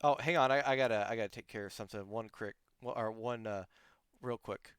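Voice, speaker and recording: A man's voice: on the low side, a little fast, fairly bright tone, smooth, no echo. A man hosting a casual livestream podcast interview, rambling with many fillers and restarts, his voice a little worn. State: losing his voice. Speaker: podcast host.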